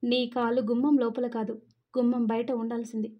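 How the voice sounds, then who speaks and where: A woman's voice: on the high side, flat delivery, normal speed, muffled recording, lightly acted. A woman voicing a stern older father-in-law in a storybook reading, scolding and emotional. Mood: angry.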